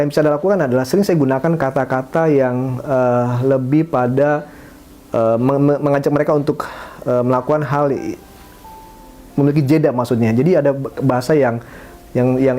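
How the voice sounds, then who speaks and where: A man's voice: medium pitch, warm tone. A middle-aged man, a hypnotherapist, giving a parenting advice lesson with frequent fillers and restarts. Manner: fillers and restarts, acts out example phrases. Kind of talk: talking-head advice lesson.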